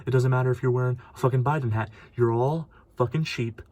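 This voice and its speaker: A man's voice: medium pitch, fairly even intonation, fast, a little mellow. A man delivering an angry, profane, preachy monologue rant. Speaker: radio monologue host. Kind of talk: ranting monologue.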